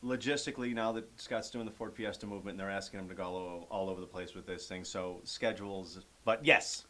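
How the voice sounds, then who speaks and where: A man's voice: low voice, steady tone, a little fast, pushed and bright, slight background noise. A man co-hosting a podcast who throws in blunt, wisecracking one-liners during a casual chat. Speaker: podcast co-host.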